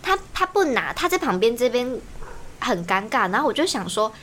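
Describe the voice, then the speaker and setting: A young woman, chatting on a podcast in an animated, ranting way and laughing often. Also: on the high side, a little fast, a crowd in the background. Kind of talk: casual chat.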